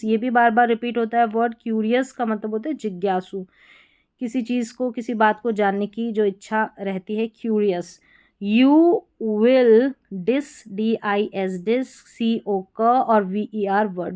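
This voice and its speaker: Slow, clear woman teaching English reading. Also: on the high side. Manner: spells words letter by letter, then sounds them out. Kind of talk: slow word-by-word reading lesson. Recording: slightly dull lo-fi recording.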